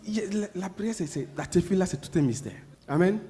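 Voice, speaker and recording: A man preaches a sermon in a slightly high voice. He talks to the congregation in a chatty way and repeats his points often. His delivery swings from loud, emphatic peaks down to low, murmured asides. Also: expressive, fast talker, background noise. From Ivory Coast. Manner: conversational, with many repetitions and asides to the congregation.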